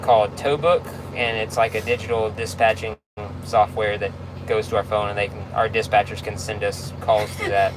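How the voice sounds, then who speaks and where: Laid-back man chatting over clear vehicle noise. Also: lowish voice, steady tone, normal speed. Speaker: tow truck driver livestreaming. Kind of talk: casual livestream chat answering viewer questions.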